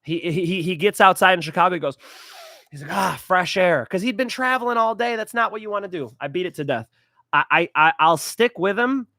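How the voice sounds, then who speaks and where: A young man hosting a fight predictions show, talking in a rambling, excitable way and swearing freely. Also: sits high, a little fast, no echo, clean studio sound. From California. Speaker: host.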